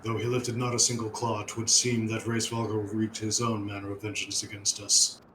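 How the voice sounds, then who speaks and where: A low, solemn dragon voice, put on by a man, proud and embittered, reading out archaic game dialogue with little melodic swing. It sounds echoey, with clear noise around it. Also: level tone, moderate pace, music in the background, lightly acted. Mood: scornful, grave. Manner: dragon voice, grave archaic pronouncements.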